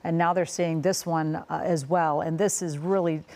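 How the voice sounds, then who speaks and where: A woman anchors live breaking news in a sympathetic, conversational way, with plenty of ums and uhs. Her voice sits a bit low. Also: fairly even intonation, moderate pace, a little mellow. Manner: conversational, sympathetic, frequent fillers.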